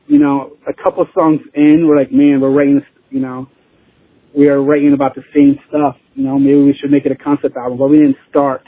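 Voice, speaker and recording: A man interviewed as a band drummer chats casually and ramblingly, saying "you know" a lot, over a lo-fi, phone-like call. His voice sits on the high side, and there's no room sound.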